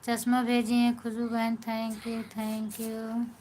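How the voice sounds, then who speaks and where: A woman's voice: on the high side, monotone, slow, darkish tone, a little hiss or hum. A woman with an Awadhi accent, a folk singer chatting casually on a live stream, thanking viewers by name and answering their comments.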